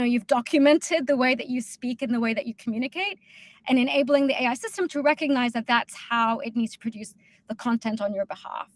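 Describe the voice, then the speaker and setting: High-voiced woman hosting a panel. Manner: talkative, rambling sentences with many fillers. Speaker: host. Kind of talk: casual panel chat.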